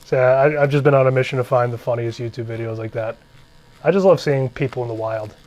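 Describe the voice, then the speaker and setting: A man's voice: mid-range voice, quick pace, darkish tone. A man chatting on a podcast who laughs often and retells funny videos, doing the voices of the people in them. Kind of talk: casual podcast chat.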